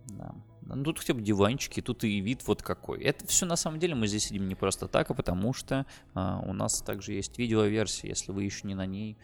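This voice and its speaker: Gravelly-voiced man podcasting in an echoey empty room. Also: fairly quick, hardly any pauses. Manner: chatty, jokey, swears casually. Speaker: podcast co-host. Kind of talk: casual podcast chat. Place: large, sparsely furnished office with bare high walls. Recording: echoey high-ceilinged empty room, music behind.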